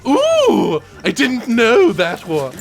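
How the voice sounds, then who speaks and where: A man's voice: extremely high pitch, huge pitch swings, very slow, creaky, music in the background, pitched above the performer's own voice, heavily acted. A man voicing a female giant spider queen who loves stock car racing, in a tabletop game. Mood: delighted. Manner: breathless theatrical swooping lines.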